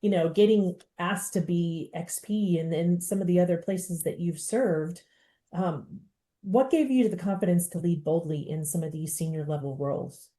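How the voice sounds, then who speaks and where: Mellow-voiced woman hosting a chat. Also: fairly low pitch. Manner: animated, fast-talking with restarts. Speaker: podcast host. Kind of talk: conversational interview.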